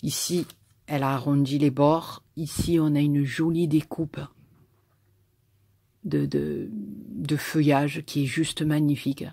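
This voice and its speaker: A woman with a southern French accent opens her mail for her viewers in a casual chat, gushing and tripping over her repeated words. Her voice is gravelly and husky. It sounds dry and close, with no room echo. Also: low-pitched, flat delivery, slow pace, warm tone. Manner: effusive, repeats words and stammers. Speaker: craft YouTuber. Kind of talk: casual mail-opening video.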